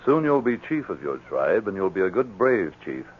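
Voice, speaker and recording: A man's voice: deep voice, big pitch swings, moderate pace, breathy edge, exaggerated voice. A man playing a firm, probing police sergeant with an authoritative manner in a 1940s radio drama. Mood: reassuring, firm. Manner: authoritative, questioning, emphatic. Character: firm, probing, fair-minded police sergeant of the northern wilderness. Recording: muffled, worn 1940s radio recording.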